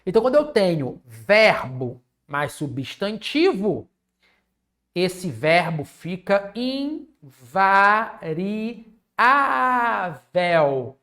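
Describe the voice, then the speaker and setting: A man's voice: high-pitched, sing-song, slow. A man teaching an online exam-prep class, repeating key rules, checking in often with viewers and joking with them. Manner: repetitive teaching with frequent check-ins; jokey, chats with viewers.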